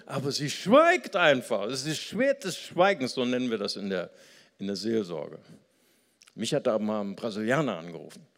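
Man, pastor, sermon, animated delivery, stretched key words, reverberant hall. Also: fairly low pitch. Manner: animated preaching, slows down to stress key words. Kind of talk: sermon with storytelling.

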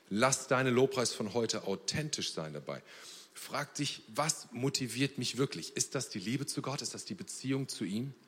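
A man preaching a sermon at a church service, earnest, moving between soft and emphatic delivery. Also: mid-range voice. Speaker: pastor. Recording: long reverb of a church hall.

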